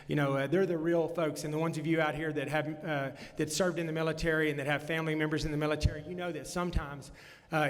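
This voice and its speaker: Casting: Mann, 40er, westtexanischer Akzent, volkstümliche Wahlkampfrede, rasch, Mikro in hallendem Saal. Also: male voice, on the high side. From Texas Panhandle. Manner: folksy, frequent "uh" fillers and restarts. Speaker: congressional candidate. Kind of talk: campaign stump speech. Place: meeting room at a candidate forum. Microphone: handheld or podium mic. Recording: long hall reverb from a room PA.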